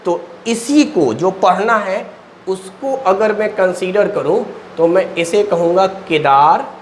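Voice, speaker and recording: A man's voice: sits high, slow pace, slight background noise. A man teaching a chemistry lesson in speech, explaining step by step and answering his own questions. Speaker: coaching teacher. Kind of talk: classroom lecture at a board.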